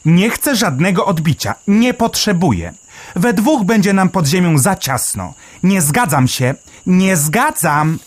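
A man's voice: high voice, expressive, a little slow, voice pushed up. A stubborn, insistent mole cricket, played by a man in a storybook reading. His voice is raised and firm. The tone stays set and unyielding. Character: stubborn male mole cricket, gruff loner.

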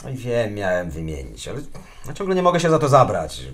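Grumbling middle-aged husband, radio comedy, lively pitch. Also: male voice, brisk. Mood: flustered. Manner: exasperated, wheedling, lively intonation.

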